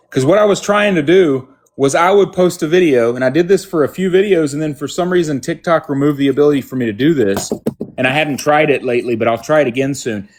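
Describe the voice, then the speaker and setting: A man from Texas with a mild Texan accent, hosting a casual group chat and telling rambling stories. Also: on the high side. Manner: rambling, storytelling with restarts.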